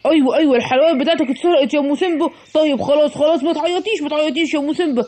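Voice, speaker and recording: A woman's voice: sits high, rapid-fire, darkish tone, a little hiss or hum, close to an everyday voice. A woman with an Egyptian accent voicing a stern male lion police officer in a children's cartoon, scolding and giving orders. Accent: Egyptian Arabic.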